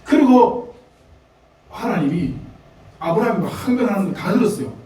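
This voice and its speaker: A man's voice: sits high, lively intonation, moderate pace, dark tone, heavy reverb, distant mic, poor audio. A man with a Gyeongsang Korean accent preaching a sermon, talking conversationally to the congregation with laughs and asides. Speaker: pastor. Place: church sanctuary.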